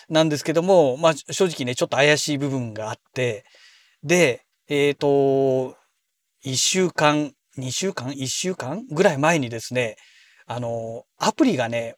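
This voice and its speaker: A man hosting a daily audio log from inside a car, talking in a polite, chatty way with many soft fillers. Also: mid-range voice, no room sound, studio quality. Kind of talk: casual solo talk.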